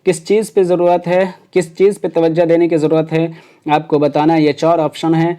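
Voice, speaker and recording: A man's voice: fairly high pitch, level tone, mellow. A man teaching exam preparation, explaining step by step with frequent hesitations. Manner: explains step by step with many fillers. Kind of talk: exam prep lecture.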